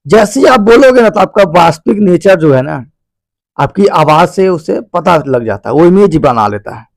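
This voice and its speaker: A man with a high-pitched voice and a gravelly edge talks through a self-help book like an explainer video. He speaks in a loose, chatty way, repeats his points and calls his listeners "bhai". The sound is close and dry. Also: animated, moderate pace, no echo. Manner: conversational and repetitive, addresses listeners as "bhai". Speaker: video host.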